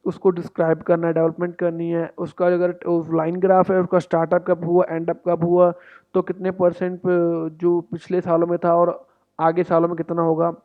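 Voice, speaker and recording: High-voiced man tutoring on a tinny line. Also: completely flat delivery. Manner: reads English instructions slowly, then explains them. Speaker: English test tutor. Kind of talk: explaining lesson. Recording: tinny phone-like audio.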